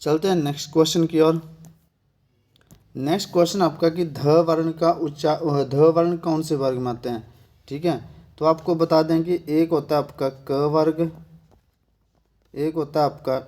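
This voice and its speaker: A man's voice: a little high, fairly even intonation, moderate pace, long pauses, dark tone. A man with a Himachali accent teaching an exam-prep grammar lesson, asking himself questions and checking in with "thik hai" after nearly every point. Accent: Himachali Hindi.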